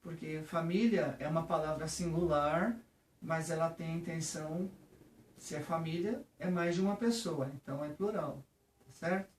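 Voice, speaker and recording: With a mid-range voice at a moderate pace, a teacher carrying a Brazilian Portuguese accent works patiently through English vocabulary and keeps checking in with the viewer. The sound is roomy and captured from afar.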